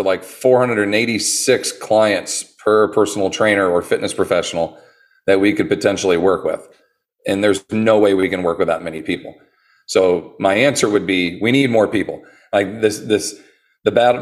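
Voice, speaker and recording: Earnest low-voiced man telling stories. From United States. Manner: earnest, animated storyteller with many restarts. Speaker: personal trainer guest. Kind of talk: casual interview talk.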